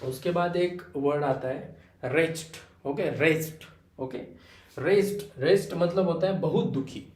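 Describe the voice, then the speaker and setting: A man's voice: a little high, a little mellow. Indian man teaching vocab in an echoey room. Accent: Marathi-influenced Indian. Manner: explains with repeated fillers like "okay" and "है ना"; addresses students fondly as "बेटा". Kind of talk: Hindi-English vocabulary lesson.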